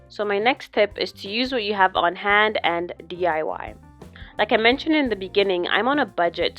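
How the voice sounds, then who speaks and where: A young woman vlogger with a bright, forceful voice pitched a little low for a woman. She speaks in a chatty, instructional way as she walks viewers through DIY steps, with music underneath. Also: dull audio. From lives in Canada. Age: young adult. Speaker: home decor vlogger. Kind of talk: upbeat YouTube vlogger narration, explaining DIY projects.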